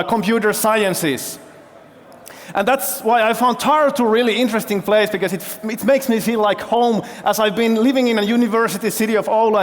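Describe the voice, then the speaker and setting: Male CEO, fairly high voice, keynote storytelling with audience questions, long hall echo. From Finland. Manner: engaging, quizzes the audience with show-of-hands questions. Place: large festival hall stage.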